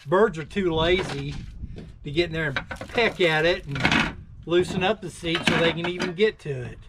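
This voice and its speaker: Grumpy older man, noisy recording. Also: moderate pace. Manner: grumpy, folksy muttering. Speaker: vlogger filling bird feeders. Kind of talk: casual talk to self while doing chores. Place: outdoors in a yard. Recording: noisy outdoor recording with loud rumble.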